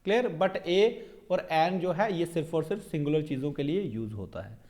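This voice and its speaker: Blending Hindi and English, a young man teaches English grammar for exams, pausing to check with his students after each point and slowing to spell out example sentences. His voice is on the high side, expressive, and darkish in tone.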